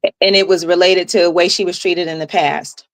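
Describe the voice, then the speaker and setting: A woman health coach as a podcast guest, explaining in a calm, measured way with pauses. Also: on the low side. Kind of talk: podcast interview.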